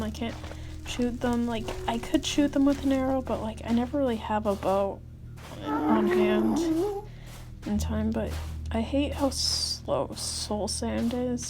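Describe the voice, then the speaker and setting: A woman giving casual gameplay commentary as a voice-over, in a rambling, halting, self-deprecating and complaining way. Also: fairly high pitch. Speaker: gaming video creator. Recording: voice-over with prominent background music. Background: prominent music.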